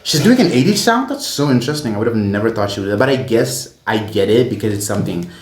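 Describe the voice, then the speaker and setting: Excitable man in a roomy room. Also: on the low side, fast talker. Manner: excitable, gushing, swears freely. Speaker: music reaction vlogger. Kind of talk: casual album reaction commentary. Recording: roomy echo with faint music playing.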